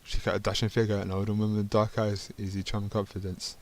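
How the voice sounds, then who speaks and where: Man, low voice, flat delivery, reads game text aloud, dry asides, stumbles on words. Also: quick pace. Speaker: gaming channel host.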